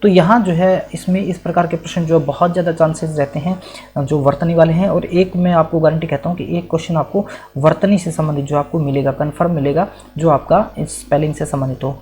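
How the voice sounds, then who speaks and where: A man's voice: a little high, fairly even intonation, fairly quick, dark tone. A male teacher explaining exam quiz answers, asking questions and then answering them himself, often checking that the listener follows. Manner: asks and answers his own questions, checks in with "right?". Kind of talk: exam-prep quiz lesson.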